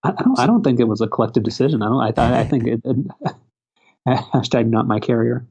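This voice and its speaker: A man co-hosting a casual podcast in a hesitant, halting way, repeating words, over a low-quality internet call. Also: lively intonation, gravelly, a little mellow, breathy edge, highs cut off. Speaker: podcast co-host. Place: hotel room, remote call.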